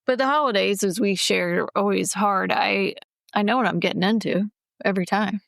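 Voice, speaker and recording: A woman's voice: medium pitch, moderate pace, gravelly, a bit bright, no echo, clean studio sound. A middle-aged woman co-hosting a podcast, telling personal stories in candid, emotional casual chat. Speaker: podcast co-host.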